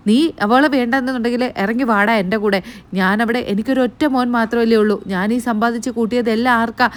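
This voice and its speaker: A woman's voice: fairly high pitch, natural voice. A woman voicing an angry elderly grandmother who scolds her family in a raised voice.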